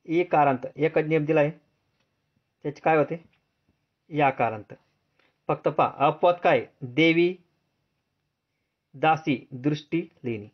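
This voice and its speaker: A man with a Marathi accent leads a grammar lesson, asking question after question and answering each one himself, his answers sinking lower and softer. His voice sits a little high, and the recording sounds dull and lo-fi. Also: slow, pauses often. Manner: repetitive, drills with questions and answers; answers drop low and soft. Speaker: teacher. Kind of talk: grammar lesson for exam students.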